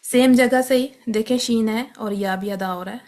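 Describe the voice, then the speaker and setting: Woman, tajweed teacher, patient step-by-step lesson, slow drawn-out sound demos, Pakistani Urdu accent. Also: on the high side, a little mellow. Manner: demonstrates sounds slowly, repeating each several times; patient, step-by-step instruction mixing in English terms. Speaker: Quran recitation teacher. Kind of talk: tajweed lesson explaining letter articulation.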